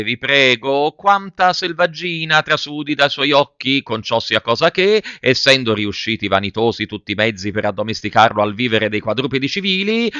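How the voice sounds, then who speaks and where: A man voicing a pompous, blustering male circus ringmaster who proclaims to the audience in grand, high-flown phrases. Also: a bit bright, clean tone, no echo, highs cut off, close to an everyday voice. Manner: grandiloquent, booming showman's proclamations.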